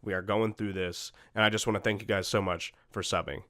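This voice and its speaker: A young man in his twenties giving casual, animated film analysis commentary in a conversational way, often repeating words as he explains. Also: lowish voice, fairly quick, no room sound, clean studio sound. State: tired from overwork. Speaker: movie analysis YouTuber.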